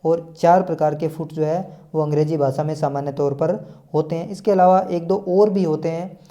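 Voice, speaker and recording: A man who teaches English, explaining a lesson patiently, repeating himself and filling pauses often. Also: on the high side, fairly even intonation, dark tone. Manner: patient, repetitive explaining with frequent fillers.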